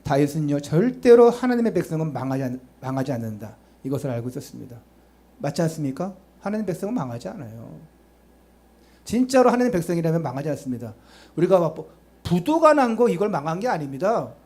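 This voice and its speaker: A man's voice: a little high, very animated, fast, a little mellow. A male pastor preaching a sermon, urging the congregation with rhetorical questions and chatty asides to them.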